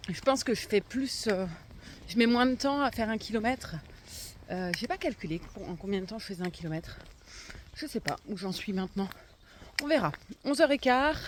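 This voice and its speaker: A woman with a slight lisp musing aloud in a casual vlog, talking to herself and viewers as she walks outdoors. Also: medium pitch. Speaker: hiker vlogging her walk. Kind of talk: casual spoken vlog while walking. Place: outdoors on a country trail. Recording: clear background noise, outdoor walk.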